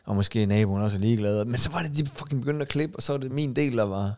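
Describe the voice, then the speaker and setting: A man co-hosting a casual podcast, telling halting anecdotes with many fillers and swearing. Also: mid-range voice, darkish tone. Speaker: podcast co-host. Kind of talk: casual chat.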